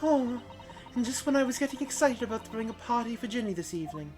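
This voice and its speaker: A man voicing a brash young street girl in a video game, talking excitably and ungrammatically. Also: extremely high pitch, fast, over music. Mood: indignant.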